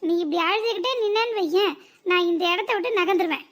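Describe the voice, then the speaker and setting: A woman voicing a calm young married daughter in a cartoon serial, who lectures patiently with long strings of rhetorical questions. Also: very high-pitched, fast. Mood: lecturing, teasing.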